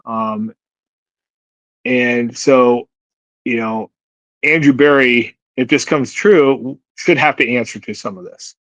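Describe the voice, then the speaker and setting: A man's voice: mid-range voice, fairly bright tone, dry recording, rough recording. Guy on a sports podcast, lots of you knows, stops and restarts, dry close mic. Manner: halting opinionated commentary with restarts and "you know". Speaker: podcast co-host. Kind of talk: casual sports podcast chat.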